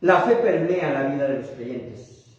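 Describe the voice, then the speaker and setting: A man with a Mexican accent preaching a sermon to his congregation, drawing out key words slowly and checking in with them often. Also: mid-range voice, animated, a little mellow. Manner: addresses the congregation, often tags "¿verdad?"; slow, emphatic phrasing of key words. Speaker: pastor. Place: church sanctuary. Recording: very echoey hall, mic at a distance, dull sound.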